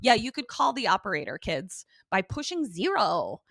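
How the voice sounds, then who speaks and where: Animated woman recapping a show. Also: mid-range voice, moderate pace, creaky, husky, no echo, clean studio sound. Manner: animated, acts out character lines. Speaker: podcast co-host. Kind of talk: casual recap chat.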